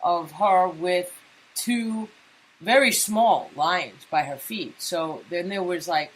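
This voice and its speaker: A woman's voice: fairly low pitch, slow, low-quality recording. A woman co-hosting a talk radio show, chatty and opinionated. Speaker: co-host. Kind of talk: casual talk radio banter.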